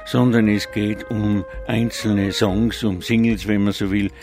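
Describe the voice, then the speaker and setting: A man's voice: fairly low pitch, level tone, measured pace, darkish tone. A man presenting a live music radio show, speaking off the cuff with a slightly congested nose, hesitant and digressive, often correcting himself. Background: music playing under the voice.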